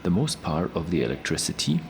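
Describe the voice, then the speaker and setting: A man's voice: low-pitched, brisk. A man presenting a descriptive tour, recorded on location with noise around him. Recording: noisy location sound, background hum.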